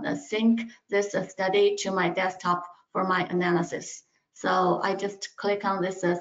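A woman in a mid-range voice narrates a screen-share software demo, pausing often with fillers. The sound is roomy and dull, like video call audio from a screen recording. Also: medium pitch. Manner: hesitant, many fillers. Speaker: analyst presenting software.

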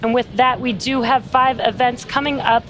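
High-voiced woman commentating a launch over noise. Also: little pitch movement, moderate pace. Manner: explanatory. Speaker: launch webcast host.

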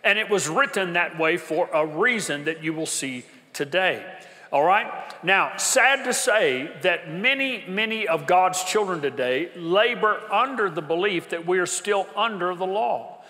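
A male pastor with a high, bright voice preaches in a church, leaning on repeated phrases and rising to a shout. Long reverb from the sanctuary trails his words. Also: expressive, a little slow. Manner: emphatic, repetitive preaching cadence, builds to shouting. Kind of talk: sermon.

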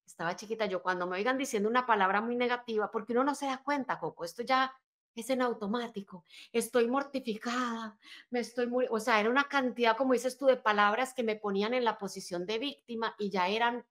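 A woman's voice: fairly high pitch, fast talker, a bit bright. Earnest motivational woman coach. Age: adult, married with children. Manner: earnest and motivational, often asks "¿verdad?". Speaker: life and business coach, podcast guest. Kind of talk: conversational interview, personal story.

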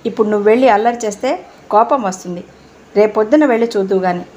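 A woman voicing a worried older grandmother who softly coaxes and pleads with a child. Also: medium pitch, fast talker, slight background noise, natural voice. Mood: coaxing. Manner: soft coaxing pleading.

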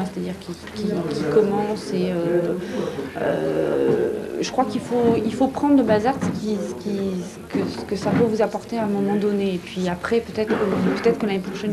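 A woman's voice: mid-range voice, lively intonation, normal speed, very noisy. A woman in her thirties, an artist, answering an interview in a hesitant, casual way with many restarts. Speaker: exhibiting artist. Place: vaulted brick gallery cellar, indoors. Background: crowd chatter.

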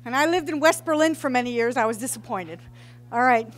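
Animated and a little fast, this fairly high-pitched woman quizzes her audience and jokes as she gives an informal public science talk. She's a middle-aged geology professor on a headset mic, speaking in a large hall with brick walls.

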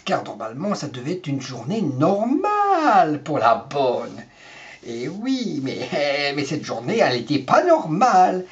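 A man's voice: a little high, huge pitch swings, unhurried. A man rambling through a gossip monologue as a vlogger, repetitive and chuckling. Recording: dull lo-fi recording.

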